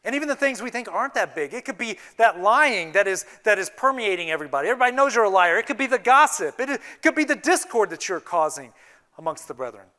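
A man giving a sermon as a youth pastor in a church, earnest and preaching, moving between hushed and emphatic delivery. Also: sits high, big pitch swings, quick pace. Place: church sanctuary.

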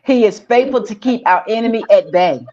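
A woman preaching a sermon in slow declarative lines, calling the congregation to respond. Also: mid-range voice, expressive, warm tone, highs cut off.

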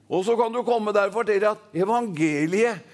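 A man's voice: sits high, a little mellow. A man from Norway preaching a fervent Pentecostal sermon, rhythmic and calling for responses from the congregation.

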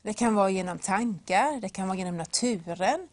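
A woman's voice: medium pitch, animated, a little mellow, no echo. A woman giving a devotional talk that retells a Bible story, acting out the voices and speaking straight to the listener with simple examples. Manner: storytelling with acted-out voices and a whispered aside.

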